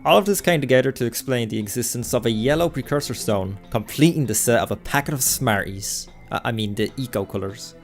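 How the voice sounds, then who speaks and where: Irish guy, monotone and deadpan, faint music under him. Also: medium pitch, fairly quick, hardly any pauses. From Ireland. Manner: monotone, dry joking. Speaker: guest co-host.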